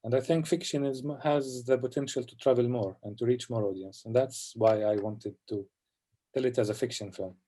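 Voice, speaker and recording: A man from Palestine with a warm, dark voice that sits at a middle pitch. He talks over a video call at a festival Q&A, reflective and halting, often adding "you know". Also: steady tone. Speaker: film director. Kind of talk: festival Q&A conversation.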